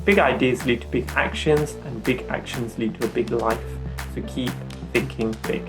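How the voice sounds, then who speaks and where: A man's voice: medium pitch, steady tone, moderate pace, over music. A middle-aged man hosting a podcast, talking in an earnest, upbeat, motivational way. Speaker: podcast host.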